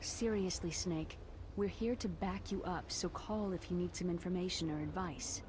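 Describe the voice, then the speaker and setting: A woman's voice: fairly low pitch, normal speed, lightly acted. A woman voicing a composed military doctor, cool and teasing, in a video game. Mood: cautioning. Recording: clear background noise.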